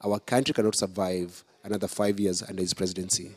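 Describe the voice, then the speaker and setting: Low-voiced Kenyan man answering questions. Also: little pitch movement, fast talker, slightly rough. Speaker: political candidate answering audience questions. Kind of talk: public Q&A at a conference.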